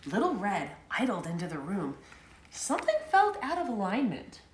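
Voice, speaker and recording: A woman from Colorado hosts story time, reading a picture book aloud to children in an upbeat, chatty way. Her mid-range voice swings hugely in pitch at a normal speed. The room is echoey, with slight background noise.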